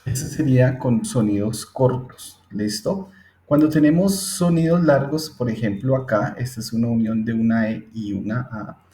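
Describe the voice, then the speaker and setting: A man's voice: medium pitch, normal speed, dark tone. A man teaching a step-by-step lesson, patiently explaining and often checking in with his listeners. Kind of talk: screen-recorded English phonetics lesson. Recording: roomy echo.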